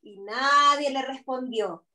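A woman's voice: sits high, slow pace, bright, forceful tone. A woman teaching kindergarten online, telling a story expressively and asking the children questions over a video call.

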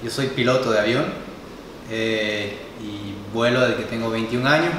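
A man in his twenties, from Nicaragua and raised in Canada, answering interview questions in a hesitant, soft-spoken way, seated on a couch. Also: on the low side, unhurried. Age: 20s. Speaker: guest. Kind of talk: casual interview. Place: bright room, seated on a leather couch. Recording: echoey room with reverb and background noise.

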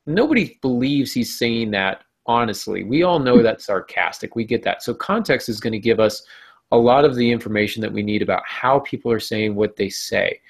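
A man's voice: on the low side, moderate pace, gravelly. A man hosting a podcast, explaining writing craft in a casual, wry way. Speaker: podcast host.

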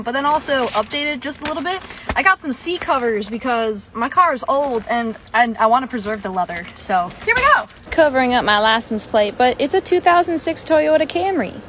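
A woman's voice: a little high, animated, normal speed, background noise. A young woman from Chicago chatting playfully in her car, joking around as she shows it off. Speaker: vlogger. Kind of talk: casual chat.

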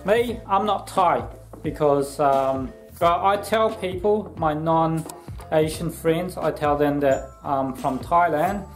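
A man in his thirties from Laos, casually explaining a recipe in his home kitchen, chatty and relaxed, filming himself at arm's length. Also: on the high side, slow, faint music behind, poor audio. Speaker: vlog host. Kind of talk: casual cooking vlog.

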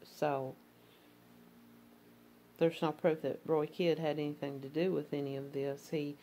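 A woman's voice: sits low, level tone, unhurried, dark tone, a little hiss or hum. A woman with an Appalachian accent narrating a true crime case, reading court filings and commenting in a conversational way with fillers.

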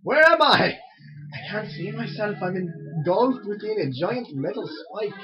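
An excitable, dramatic German caricature put on by a man for a gaming video. The fake German accent is thick and silly, with wildly lively pitch. The sound is dull and lo-fi. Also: a little slow. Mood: frantic. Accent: exaggerated fake German.

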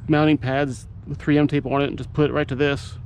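A man's voice: a little high, flat delivery, fairly quick, slight background noise. A man giving a casual how-to narration as a vlogger showing his gear. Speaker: motovlogger presenting his gear setup.

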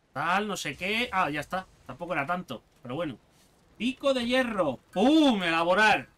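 A man giving casual gameplay commentary, excitable and sarcastic, swearing often. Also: high-pitched. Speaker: gaming youtuber.

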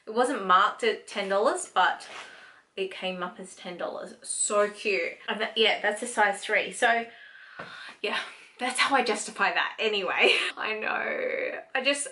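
An Australian woman in her thirties, a family vlogger, chats casually to camera in a bright room at home for a haul video, gushing and rambling as she justifies what she bought. Her medium-pitched voice is bright and forceful at a measured pace, with slight background noise.

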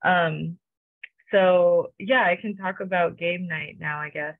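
A woman's voice: fairly low pitch, steady tone, slow, no room sound. A young woman from Romania, a co-curator, talking casually on a video call with many fillers and restarts. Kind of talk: casual panel talk. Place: home room with bookshelves. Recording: dry, phone-like video call audio.

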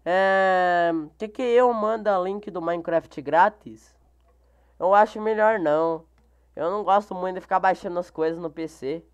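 A man's voice: high-pitched, moderate pace, clear, resonant tone. A male live streamer with a Brazilian Portuguese accent, chatting casually during a game stream and greeting viewers by name, repeating each greeting. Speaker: live streamer reading chat.

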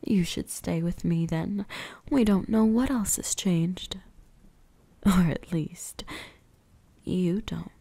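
A woman uses a full character voice at fairly low pitch to portray a possessive vampire huntress in ASMR. She teases in a breathy whisper, slow and deliberate with a soft menace.

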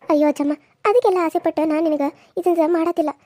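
A woman's voice: extremely high pitch, fast talker, warm tone, dry recording, clean studio sound. A woman voicing a kind young village woman in a cartoon serial, with a soothing, reassuring way of talking.

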